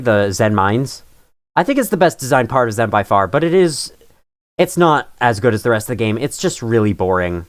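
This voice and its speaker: A man with a mid-pitched voice that swings around in lively fashion, recorded close and dry. He gives casual gaming reaction commentary, opinionated and full of gripes, often chuckling as he goes. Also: clear, resonant tone, no echo. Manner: opinionated, griping, chuckles through remarks. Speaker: gaming YouTuber reacting to his own old playthrough.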